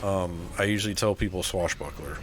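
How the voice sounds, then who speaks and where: Male game streamer, low voice, relaxed chatty delivery, answers chat. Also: fairly quick, noisy background. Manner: laid-back, answers chat, many fillers like "so, like" and "um". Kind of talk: casual live-stream chat.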